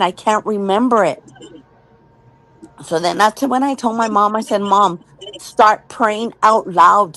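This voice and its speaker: A woman's voice: medium pitch, poor audio. A woman telling a personal ghost story in an earnest, casual way, repeating words when she gets tense.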